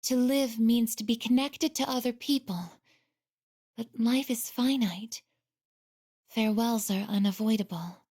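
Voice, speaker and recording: Slightly slow and on the high side, a woman performs a gentle, earnest android girl from a video game. The character sounds reflective and solemn, speaking with polite formality and quiet introspection.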